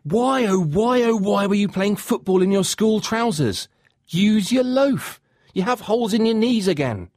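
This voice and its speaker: A man's voice: high-pitched, animated, a little slow, a little mellow, dry recording, exaggerated voice. An exasperated father scolding his child at full volume. The recording is dry and close.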